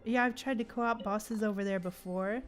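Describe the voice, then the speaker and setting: Chatting and thinking aloud in a playful tone, a woman hosts a relaxed gaming livestream for her viewers. Her voice is mid-range and steady, at a normal speed, over faint background music.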